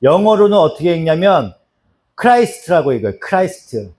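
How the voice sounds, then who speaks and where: Male pastor, small-church doctrine class, quizzes by name, animated pitch, dark mellow tone. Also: normal speed. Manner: repetitive, drills answers and calls on people by name. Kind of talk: church Bible lesson, quizzing listeners.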